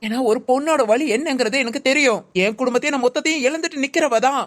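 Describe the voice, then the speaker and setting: Stern woman lecturing a friend, quick and high-pitched, acted by a woman. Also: close to an everyday voice. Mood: reproachful. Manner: reproachful, lecturing.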